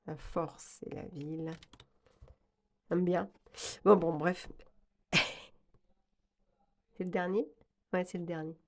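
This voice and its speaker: A woman's voice: lowish voice, creaky, darkish tone. A woman hosting a casual tarot video, chatty and hesitant with many fillers and laughs. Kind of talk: casual chat about tarot cards.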